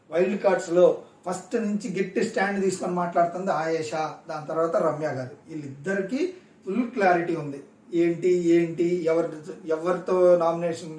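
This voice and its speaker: A man's voice: fairly high pitch, darkish tone, recorded from a distance. A man reviewing a reality show in casual recap commentary, emphatic and repeating his points for stress. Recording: echoey room, voice off-mic.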